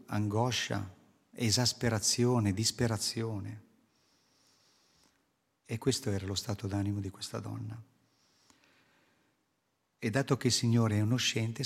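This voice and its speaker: A man's voice: fairly low pitch, breathy edge. A man preaching a sermon to a congregation, explaining scripture earnestly and posing rhetorical questions. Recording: long hall reverb.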